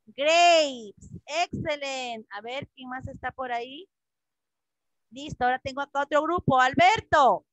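A woman English teacher leading an online class for children, patiently repeating words slowly over a video call. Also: sits high, a bit bright, dry recording, low-quality recording.

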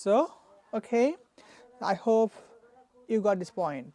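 A woman's voice: medium pitch, expressive, very slow, dark tone. A woman teaching English pronunciation, repeating each word several times as a drill. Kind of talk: classroom lesson mixing English and Bengali.

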